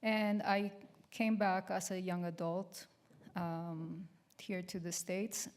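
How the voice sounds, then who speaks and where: A woman in her fifties from Colombia giving an art lecture with slides, pausing often with many ums and restarts. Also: fairly low pitch, level tone. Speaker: guest artist giving a lecture.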